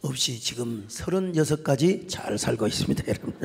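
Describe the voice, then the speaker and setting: A middle-aged male pastor preaching a sermon, telling a story and acting out voices, swinging from hushed tones to shouting. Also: medium pitch, lively intonation, brisk, vocal fry, breathy edge. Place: large church sanctuary. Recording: long hall reverb from a church.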